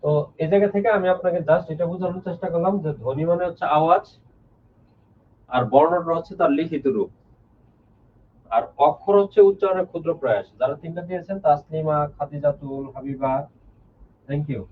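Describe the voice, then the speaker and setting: A man's voice: fairly high pitch, brisk, long pauses. Male teacher, live online lesson, patient step-by-step explainer, heard distant from the mic. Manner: explains step by step, repeats key points, reads out viewers' names. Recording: lo-fi phone-like sound from off the mic.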